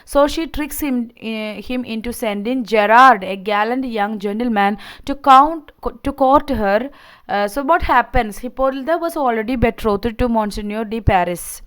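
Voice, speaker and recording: Clear, higher-voiced woman lecturer. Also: normal speed, fairly bright tone, low-quality recording. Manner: explanatory, repeats and rephrases points, checks with "okay" and "see". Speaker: literature lecturer. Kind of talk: informal lecture summarizing a play.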